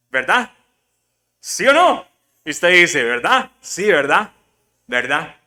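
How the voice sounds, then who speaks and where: A man preaching a sermon as pastor, in a lively style that keeps asking the congregation questions and slips in English words. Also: high-pitched, in a large hall.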